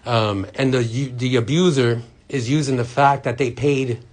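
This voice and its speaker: A man's voice: medium pitch, fairly even intonation, normal speed. A man at a medical office reception, earnestly explaining his complaint to staff with many ums and restarts. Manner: earnest and insistent. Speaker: patient confronting office staff. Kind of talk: tense in-person complaint.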